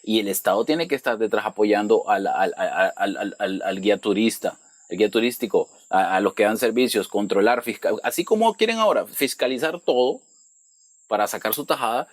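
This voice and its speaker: Halting Costa Rican man in casual podcast talk. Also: lowish voice, animated, no echo. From Costa Rica. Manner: halting, repeats words while searching for phrasing. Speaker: podcast speaker.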